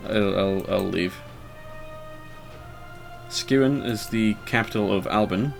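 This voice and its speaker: A man talks through a video game in a loose, meandering way, stopping often for ums and uhs. His voice sits on the lower side, and he pokes fun at his own play. Faint game music runs behind him. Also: slow, vocal fry. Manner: rambling, hesitant, lots of fillers; self-deprecating and wry. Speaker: let's player. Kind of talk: casual gameplay commentary.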